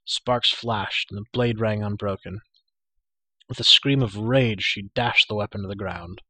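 A man narrating a fantasy audiobook in a steady, dramatic storytelling manner with occasional slips. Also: lowish voice, measured pace, husky, no echo. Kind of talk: audiobook reading.

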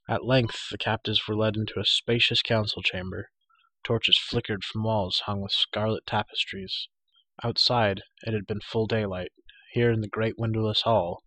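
A man narrating a fantasy audiobook in a steady, dramatic storytelling manner with occasional slips. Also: on the low side, dry recording. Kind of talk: audiobook reading.

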